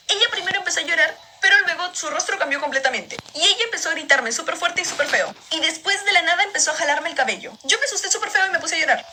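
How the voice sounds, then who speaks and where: A woman tells a personal story at high speed, in a bright high voice. Her retelling is expressive and dramatic. Steady background noise sits under the recording. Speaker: storytime narrator. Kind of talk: animated storytime narration.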